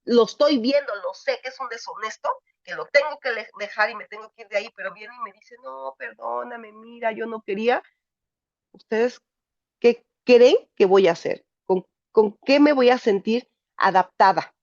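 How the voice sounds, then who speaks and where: A woman's voice: a little high, normal speed, darkish tone, no room sound. A woman psychologist giving a candid, emphatic personal talk to a support group. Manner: candid, emphatic, frank language. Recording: dull dry lo-fi recording.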